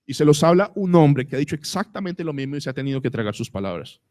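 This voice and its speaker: A man with a Colombian accent, a pastor preaching a sermon at a church service, asking the congregation questions and slowing down to stress words. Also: a little high, very animated, darkish tone. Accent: Colombian Spanish.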